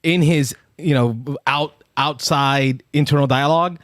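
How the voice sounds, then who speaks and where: A man's voice: a little high, unhurried, a bit bright, no room sound, clean studio sound. A man hosting a call-in chat, joking easily with his co-host and caller. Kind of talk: casual chat.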